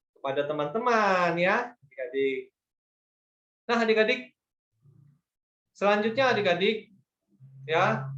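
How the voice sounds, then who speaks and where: A man's voice: sits high, a bit bright, echoey room, highs cut off. A man teaching an online Sunday school lesson to children, patient and coaxing, often asking them to agree.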